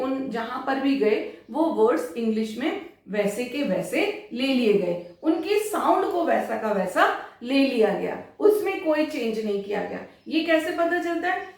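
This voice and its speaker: A woman teacher giving a lesson, explaining step by step and repeating example words slowly. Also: sits high, a little mellow. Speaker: English teacher. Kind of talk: classroom-style lesson. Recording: distant mic in a very echoey room.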